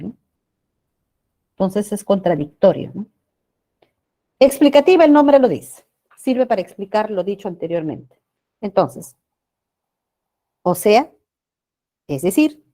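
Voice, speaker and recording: Slow, mellow-voiced woman teaching grammar. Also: medium pitch. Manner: addresses students as "jóvenes", checks in with "¿no?" and "¿ya?"; slow, deliberate explaining with stressed key words. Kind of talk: classroom grammar lesson.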